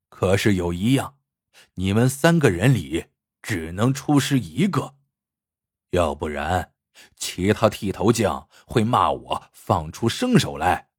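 A man voicing a strict, stern old master barber who scolds and commands his apprentices in a gruff, lowered voice. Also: no echo, studio quality, exaggerated voice.

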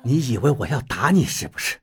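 A man voicing a scornful young man in an audiobook, speaking low and contemptuously. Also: very animated, a little fast, husky, soft background music, full character voice.

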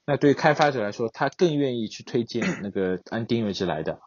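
A man hosting a casual tech talk podcast, chatty and quick to agree. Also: mid-range voice, expressive, slight background noise. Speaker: podcast host. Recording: dry, dull lo-fi sound.

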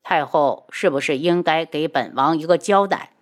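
A man's voice: on the high side, expressive, normal speed, voice pushed down, close to an everyday voice. A woman voicing a haughty young prince who speaks in a cold, clipped, contemptuous way, in an audiobook drama.

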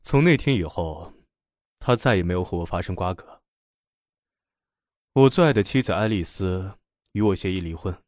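A man voicing a smug, seductive middle-aged professor who talks low and sly. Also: animated, extremely slow, pauses often, warm tone, no echo, clean studio sound, full character voice. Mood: rueful.

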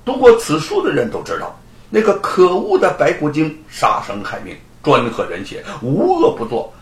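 A sharp-tongued young scholar, as a storyteller puts him on, quick-witted and pointed. The voice is a little high and moves a lot. A roomy echo sits on the recording. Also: male voice, huge pitch swings.

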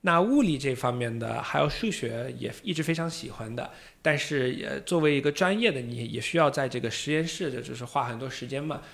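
A man's voice: mid-range voice, lively intonation, a little fast, creaky, few pauses, fairly bright tone. A man from the United States, a native English speaker with an American accent, chatting as a podcast guest. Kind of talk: casual interview talk.

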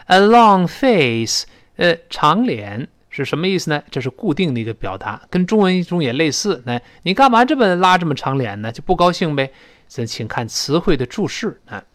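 A man teaching spoken English, his voice sitting a little high and swinging widely as he explains. He drawls out English phrases slowly to model them, with a Mandarin Chinese accent. The close studio recording is dry. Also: very animated, fairly bright tone, dry recording.

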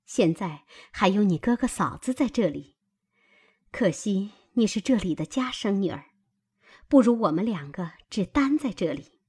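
A sensible young maidservant in a storybook reading, calm and reasoning, voiced by a woman narrator. The voice is slightly husky with a lively lilt. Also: medium pitch, normal speed.

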